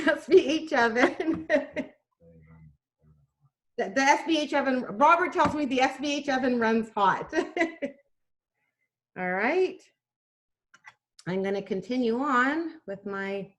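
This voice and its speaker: A woman teaching a casual cooking demonstration over a video call. She talks in a chatty, homey way and often restarts her sentences. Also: on the high side. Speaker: cooking class instructor.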